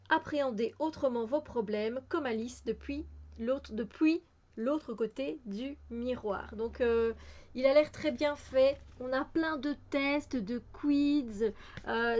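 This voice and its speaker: Belgian woman, slightly high voice, casual hesitant book-haul chat, lo-fi sound. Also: darkish tone. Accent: Belgian French. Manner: hesitant, many fillers and restarts. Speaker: book vlogger.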